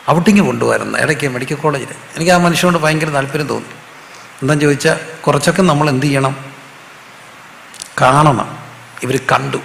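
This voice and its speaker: A man's voice: fairly high pitch, gravelly, fairly bright tone. A male pastor, preaching a sermon and calling out questions for the congregation to answer back. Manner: asks the congregation questions and has them repeat answers. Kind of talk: call-and-response sermon. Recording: roomy hall reverb, faint noise.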